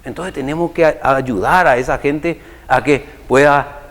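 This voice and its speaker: A man giving an unhurried spiritual lecture to an audience, often posing rhetorical questions. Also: fairly high pitch, a bit bright. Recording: long hall reverb.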